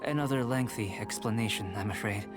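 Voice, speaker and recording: A man playing a calm, formal young alchemist, politely detached and analytical, in a video game. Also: on the low side, brisk, music in the background, natural voice. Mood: gently wry. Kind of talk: video game character acting.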